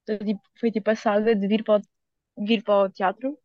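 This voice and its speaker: A young woman with a European Portuguese accent telling a story in casual chat, rushing through it with lots of fillers and slang. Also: mid-range voice, level tone, no echo, muffled recording. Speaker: podcast co-host.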